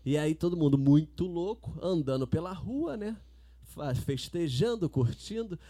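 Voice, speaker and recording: A man telling an animated party story in a casual chat, laughing as he goes. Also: a little high, measured pace.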